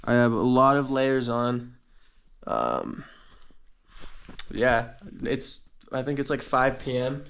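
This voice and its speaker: A man's voice: mid-range voice, expressive, slow pace, creaky, fairly bright tone. A man narrating an overnight camping vlog in a casual, informal, understated way. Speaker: vlogger.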